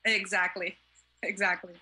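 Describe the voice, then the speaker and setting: A woman's voice: medium pitch, flat delivery, normal speed, sharp tone, slightly rough. A woman born in Cuba and raised in New York, a classic film fan, answering interview questions over a video call with frequent hesitations. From born in Cuba, grew up in New York. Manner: hesitant with many fillers, enthusiastic.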